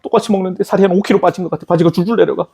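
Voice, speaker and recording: A man teaching English vocabulary in a recorded lecture, chatty and lively, spelling out words syllable by syllable and slipping in joking asides to his students. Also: sits high, racing, vocal fry, breathy edge. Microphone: camera recording a lecture.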